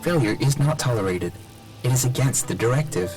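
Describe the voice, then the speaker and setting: A man voicing a damaged, malfunctioning male combat robot in a video game, giving clipped, flat status reports. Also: mid-range voice, brisk, lightly acted, poor audio. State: malfunctioning, repeating system errors. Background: game music.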